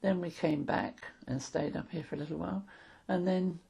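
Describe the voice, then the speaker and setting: An old woman in her eighties with a London accent and a husky, gravelly voice, reminiscing casually in a plain, matter-of-fact way. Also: deep voice, fairly even intonation, normal speed, mellow. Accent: London English. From London, England. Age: 80s. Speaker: interviewee. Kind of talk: casual reminiscence of wartime childhood.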